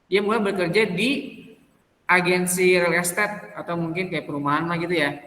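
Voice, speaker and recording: A man's voice: high voice, steady tone, moderate pace, bright, forceful tone, a little hiss or hum. Male lecturer in an echoey classroom. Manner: keeps checking with students through repeated rhetorical questions; switches between Indonesian and English. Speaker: university English lecturer. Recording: echoey room with long reverb.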